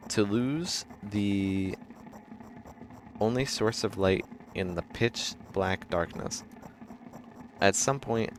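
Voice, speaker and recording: A man streaming a game, reading its narration aloud in a halting way, stumbling and correcting himself, now and then breaking into loud dramatic shouts. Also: low voice, slight background noise. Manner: halting reading with frequent restarts and self-corrections.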